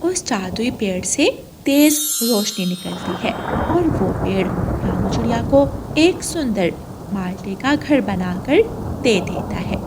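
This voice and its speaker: A woman's voice: mid-range voice, animated, slow pace, heavy background noise. Woman narrating a storybook cartoon. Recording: loud rain and thunder sound effects behind.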